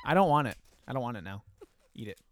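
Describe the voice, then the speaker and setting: A man's voice: medium pitch, big pitch swings, fast talker, slight background noise. Teasing young man bantering. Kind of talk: casual podcast chat.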